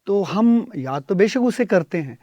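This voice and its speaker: A middle-aged man speaks as a guest on a music show. His voice sits a little high for a man, and he explains things carefully with frequent pauses. The recording is dry and close. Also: expressive, dark tone, no echo. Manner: thoughtful, explaining, with frequent hesitations. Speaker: guest singer. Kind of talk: studio interview.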